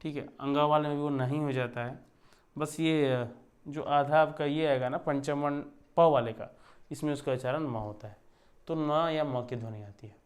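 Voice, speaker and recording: Guy teaching a class, bit high voice, goes step by step and keeps checking everyone follows. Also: steady tone, moderate pace. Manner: explains step by step, often asks ठीक है. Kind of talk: classroom lesson.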